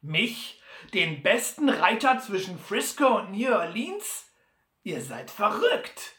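An audiobook reader voicing a boastful, brash frontier bully who talks loudly and scornfully. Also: mid-range voice, big pitch swings, takes it slowly, voice pushed up. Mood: indignant. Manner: loud, blustering, scornful. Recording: roomy echo.

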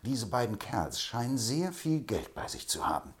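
A man's voice: medium pitch, huge pitch swings, normal speed, voice pushed up. A man reading aloud, voicing a self-important male informant who brings news in a storybook. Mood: eager.

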